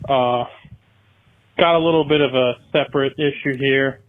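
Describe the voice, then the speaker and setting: A man's voice: medium pitch, steady tone, normal speed. Man calling in, young, american, casual rambling, tinny phone audio. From United States. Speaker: caller. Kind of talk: phoned-in voicemail question.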